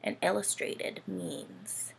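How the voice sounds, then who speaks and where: In a rough recording with slight background noise, a woman speaks slowly in a fairly low, gravelly voice as she hosts a children's storytime with her puppet sidekick. She reads aloud and talks playfully and animatedly to the children, peppering them with questions.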